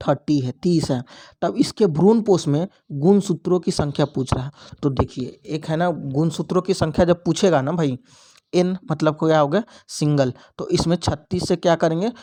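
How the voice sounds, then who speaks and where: A man's voice: on the high side, moderate pace, dark tone. A young man teaching biology, walking through exam questions and mixing English terms into his explanations.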